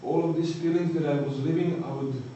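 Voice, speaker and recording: Man, Croatian accent, thirties, halting and searching for words, mellow dark voice, distant mic in a very echoey hall. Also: a little high, steady tone, highs cut off, slight background noise. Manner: halting, searching for words, frequent "you know". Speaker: recovering addict giving testimony. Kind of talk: personal testimony talk.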